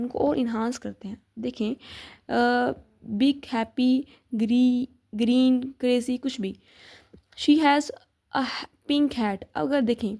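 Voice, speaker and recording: A young woman teaching a casual grammar lesson, patiently repeating examples and spelling words out slowly. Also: sits high, vocal fry, warm tone. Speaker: teacher sharing study notes.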